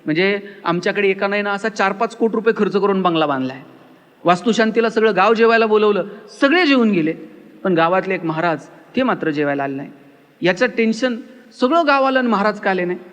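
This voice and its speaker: Male motivational speaker, emphatic storyteller, high-pitched, heard through long hall reverb. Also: lively intonation, fairly quick, fairly bright tone. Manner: emphatic, storytelling, acts out dialogue. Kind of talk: public lecture with acted anecdotes.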